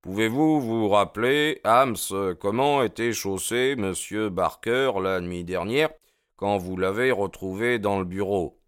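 Calm probing detective, courteous and methodical, low dry voice, read by a man. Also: unhurried, smooth, no echo, lightly acted. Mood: inquiring.

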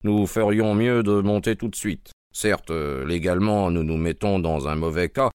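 A man voicing a calm detective who reasons in a measured way. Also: deep voice, clear, resonant tone, no echo, clean studio sound.

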